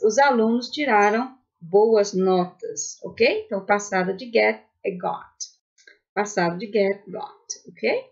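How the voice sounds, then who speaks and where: A woman's voice: fairly high pitch, creaky, highs cut off. A woman teaching an online English grammar lesson with a Brazilian Portuguese accent, patiently checking in with her students.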